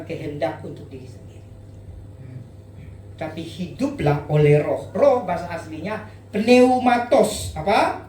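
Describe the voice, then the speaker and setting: A man's voice: high voice, darkish tone, a little hiss or hum. A middle-aged male pastor delivers a sermon full of personal stories and emphatic calls to the congregation. His voice carries through a roomy, echoing hall, picked up from a distance with faint ambience behind. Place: church hall.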